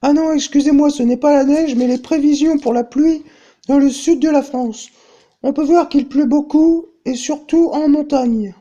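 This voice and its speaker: Woman playing a mellow, high-voiced weather presenter. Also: moderate pace, muffled recording, close to an everyday voice. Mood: matter-of-fact. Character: offhand female TV weather presenter in parody bulletin. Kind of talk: parody weather forecast.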